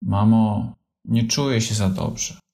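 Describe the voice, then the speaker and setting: A man's voice: fairly low pitch, steady tone, takes it slowly, mellow. A man voicing a little boy fox who is playful but now sick, coughing and pleading.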